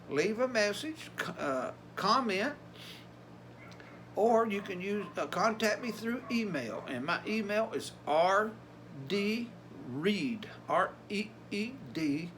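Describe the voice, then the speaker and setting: A man's voice: high voice, fairly bright tone, a little hiss or hum. An older man with an Appalachian Tennessee accent, talking casually and plainly to his vlog viewers in a folksy way. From Tennessee, USA. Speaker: vlogger.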